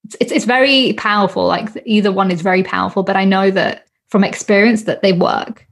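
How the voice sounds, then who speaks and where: Husky British woman in her thirties. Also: mid-range voice, fairly even intonation, fairly quick. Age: 30s. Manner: earnest, emphatic, repeats phrases, laughs often. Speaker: guest, healing coach. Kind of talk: casual interview chat.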